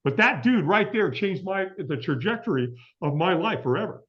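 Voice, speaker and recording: A middle-aged man is a guest on an interview show, telling a story with lots of energy and playing out what people said to him. His voice sits a little high and swings up and down a lot. The recording sounds dull and lo-fi. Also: animated, normal speed. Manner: vivid, acts out quoted dialogue, laughs often. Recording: dull lo-fi audio.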